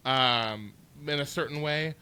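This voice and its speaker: A man in his thirties co-hosting a podcast, chatting casually and rambling with lots of "like" and "um", quick to laugh. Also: medium pitch, sharp tone, clean tone. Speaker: podcast co-host. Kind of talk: casual chat.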